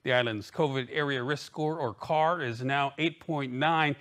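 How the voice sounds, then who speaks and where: A man anchors an evening television newscast. His voice sits at a medium pitch as he reads scripted reports in a newsreader's delivery. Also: moderate pace, a bit bright. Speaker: news anchor. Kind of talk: scripted TV news reading.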